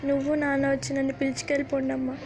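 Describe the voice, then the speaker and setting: A tearful young wife, played by a woman, pleading through her crying. Her voice is high and flat, and music plays behind her. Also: rapid-fire.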